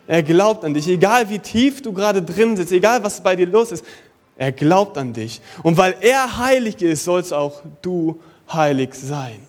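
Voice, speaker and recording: Here a young man serving as pastor gives a sermon in an easygoing, youthful manner, and his voice is high. English slang pops up throughout, and he moves back and forth between spirited bursts and gentle, slow moments.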